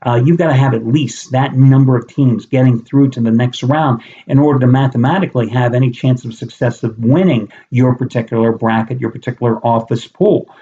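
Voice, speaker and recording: A man's voice: mid-range voice, fairly quick, hardly any pauses, mellow. Blunt middle-aged man previewing a game. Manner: blunt and conversational, with mild swearing. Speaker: sports handicapper. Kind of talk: sports betting preview monologue. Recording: slightly dull lo-fi recording.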